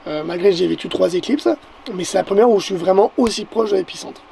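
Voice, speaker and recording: A man with a Québécois accent, a photographer talking casually to the viewer in an excitable vlog, often stammering and repeating words. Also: high-pitched, fast talker, gravelly, a little hiss or hum. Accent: Québécois French. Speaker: photographer and vlogger.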